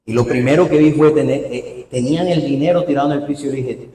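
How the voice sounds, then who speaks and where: A man's voice: mid-range voice, quick pace, a little hiss or hum. Man preaching from afar in an echoey church. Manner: animated preaching with rhetorical questions. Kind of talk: sermon. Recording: roomy hall, voice from far off.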